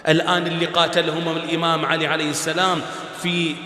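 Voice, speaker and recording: Shaykh, high bright voice, animated sermon delivery, recorded in a reverberant prayer hall. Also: male voice, fast. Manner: animated, rising to near-shouts, rhetorical questions. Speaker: shaykh preaching. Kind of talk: Husseiniya sermon storytelling. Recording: echoey hall with long reverb.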